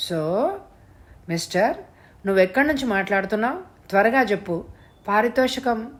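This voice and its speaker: A woman's voice: lowish voice, moderate pace, lightly acted. Woman voicing an anxious rich father. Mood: shaken. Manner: shaken, pressing, indignant. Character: anxious rich middle-aged father pleading.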